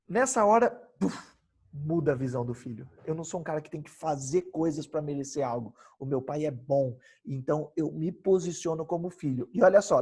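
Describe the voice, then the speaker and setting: A man's voice: fairly high pitch, warm tone, husky. A man with a Brazilian Portuguese accent giving a devotional Bible lesson outdoors in his backyard, emphatic and full of rhetorical questions he answers himself. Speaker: youth devotional speaker.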